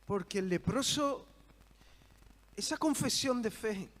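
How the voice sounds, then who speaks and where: A man's voice: high voice, expressive, takes it slowly, a bit bright. A man preaching a sermon, earnest and full of rhetorical questions.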